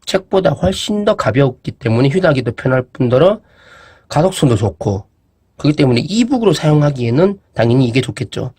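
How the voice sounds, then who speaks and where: A product reviewer demos an e-reader, his medium-pitched voice brisk with a breathy edge. He keeps it relaxed and conversational, thinking aloud through fillers and asides in a casual vlog.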